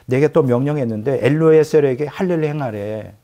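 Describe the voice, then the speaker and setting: A male preacher voicing an earnest husband who explains his mission in a low, matter-of-fact way. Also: brisk, warm tone, lightly acted.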